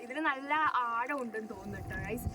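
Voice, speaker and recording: This fast-talking woman has a voice on the high side and a northern Kerala Malayali accent; she's a travel vlogger from Wayanad, Kerala, India. Outdoors among backwaters and paddy fields and aboard a canoe, she addresses viewers in Malayalam sprinkled with English, enthusiastic and casual, amid noisy ambient sound.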